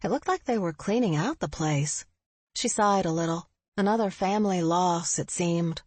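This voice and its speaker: A woman narrating an audiobook in an expressive, husky voice on a close studio mic. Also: fairly low pitch, moderate pace, no echo.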